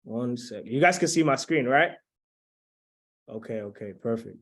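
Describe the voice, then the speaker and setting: A Dominican man in his twenties hosts a motivational webinar over a video call, speaking in a mid-range, fairly bright voice with lively intonation at a moderate pace. He's hyped and keeps checking in to hold his audience's attention.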